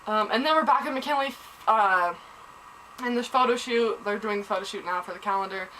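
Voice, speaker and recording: A young woman excitedly recapping a TV episode in casual chat, gushing and saying "like" and "oh my god" a lot. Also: medium pitch, a little fast, slight background noise, low-quality recording.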